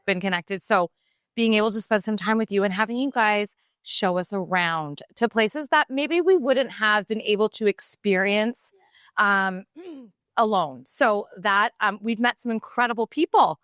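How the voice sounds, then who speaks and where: A woman from Canada guesting on a podcast, talking easily and agreeably about her travels. Her voice is smooth and clear at a mid pitch, recorded close and dry. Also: lively intonation, unhurried, fairly bright tone, dry recording. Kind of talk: casual podcast conversation.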